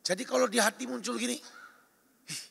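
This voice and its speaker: A man preaching a sermon as pastor, emphatic and exhorting, shifting between loud calls and quiet asides. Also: high voice, moderate pace, vocal fry, husky. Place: church or retreat hall. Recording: reverberant hall recording.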